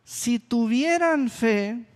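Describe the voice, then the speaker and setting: Slow, high-voiced preaching pastor in a hall. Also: male voice, expressive. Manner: slow, deliberate preaching with repeated phrases. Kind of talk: sermon. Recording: long reverb of a church hall.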